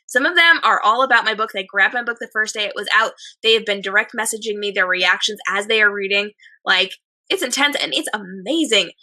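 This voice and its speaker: A slightly hoarse woman hosting a chatty advice show, speaking emphatically and repeating phrases in lists. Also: medium pitch, brisk, pushed and bright. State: slightly hoarse, losing her voice. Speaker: host of an advice show for authors. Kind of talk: chatty advice monologue to viewers.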